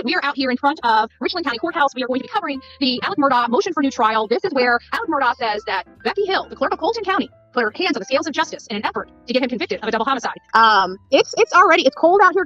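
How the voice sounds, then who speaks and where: A middle-aged woman with a high-pitched, fairly bright voice hosts a livestream covering a court case, chatting casually and scatteredly to viewers and repeating her words. She starts outdoors outside a courthouse and later moves to a hotel room, and the highs in the audio are cut off.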